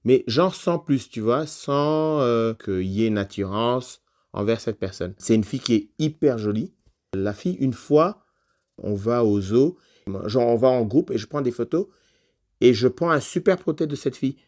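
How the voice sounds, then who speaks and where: A man's voice: mid-range voice, expressive, moderate pace, a little mellow. A man, a podcast guest, telling a personal story in a casual conversational way, with loose phrasing and frequent fillers.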